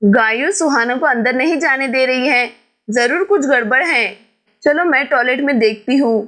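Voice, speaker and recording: A cheerful young daughter-in-law from a village doll story, voiced by a woman, lively and welcoming. Her voice is a little high and bright in manner. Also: moderate pace. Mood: alert.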